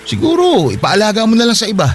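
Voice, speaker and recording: A high, lively, quick-talking young man in a radio drama, defensive and pleading. Faint music sits under his lines. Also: a little hiss or hum. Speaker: stay-at-home partner in a radio drama.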